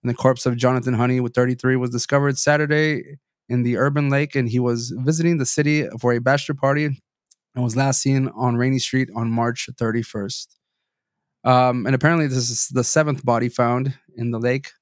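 A man's voice: mid-range voice, steady tone, brisk, no room sound, clean studio sound. Rambling casual man hosting a podcast. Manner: rambling with fillers and restarts. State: stuffy sinuses. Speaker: podcast host. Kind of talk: casual chat, reading news aloud.

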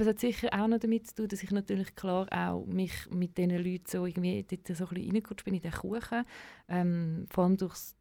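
A woman's voice: fairly low pitch, vocal fry, warm tone, dry recording. A woman with a Swiss German accent talking casually as an interview guest, enthusiastic and searching for her words. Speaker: radio presenter as interview guest.

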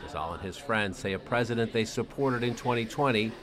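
A man narrating a TV news report in a measured, deliberate reporter style. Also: medium pitch, crowd noise.

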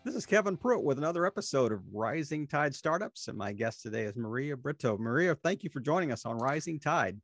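A man hosting a podcast interview, talking casually and haltingly, often repeating words. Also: medium pitch, animated, a bit bright, no room sound, soft background music. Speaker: podcast host.

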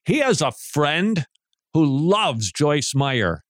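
A man hosting a talk radio show, joking and animated, who often restarts his sentences. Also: a little high, slow pace, no room sound, studio quality.

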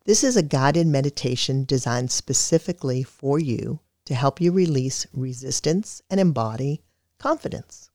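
The calm, scripted guided meditation comes from a narrator with a medium-pitched middle-register voice and an unhurried, soothing delivery. Miked close and dry, it has no room sound.

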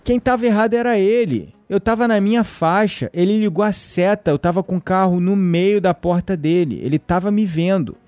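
A man's voice: sits high, normal speed, few pauses, no echo. A man telling a story in casual conversation, acting out the voices of the people in it. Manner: animated, acts out quoted voices.

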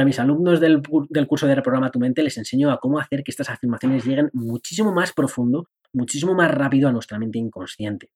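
A man's voice: medium pitch, darkish tone, slightly rough. A man hosting a casual podcast monologue about personal development. He talks in a chatty, playful way, laughs at himself and acts out little inner voices.

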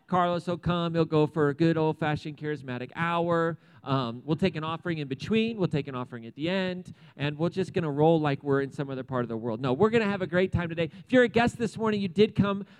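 A man's voice: fairly high pitch, clean tone, poor audio. Upbeat casual man, church pastor. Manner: casual, upbeat, rambling with restarts. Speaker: pastor and host. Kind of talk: sermon introduction. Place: church service.

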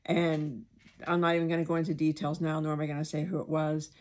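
A woman's voice: low-pitched, little pitch movement, quick pace, a little mellow. A woman podcast host with a speech impediment on her R's and S's, talking candidly and informally in a rambling personal monologue, acting out remarks she quotes.

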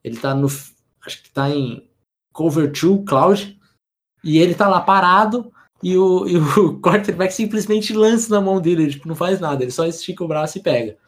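A man co-hosting a sports podcast, talking in a relaxed, rambling way with many restarts. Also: high-pitched, normal speed. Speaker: podcast co-host. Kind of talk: casual sports podcast analysis.

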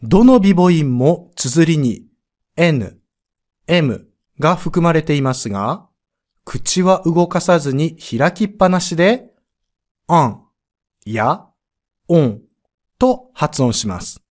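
A man's voice: a little high, big pitch swings, measured pace, darkish tone. A man teaching a pronunciation lesson on a podcast, explaining step by step and sounding out letters and vowels to demonstrate them.

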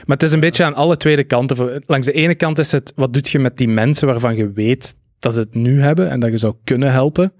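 A man's voice: mid-range voice, fast talker, few pauses, a little mellow, no echo, clean studio sound. A man in his thirties, co-hosting a casual podcast, joking and slipping English phrases into his talk. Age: 30s. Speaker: podcast co-host. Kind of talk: casual chat.

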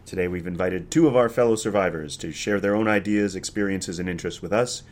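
A man's voice: low-pitched, quick pace. A man hosting a podcast as a scripted post-apocalyptic radio broadcast. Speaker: podcast host.

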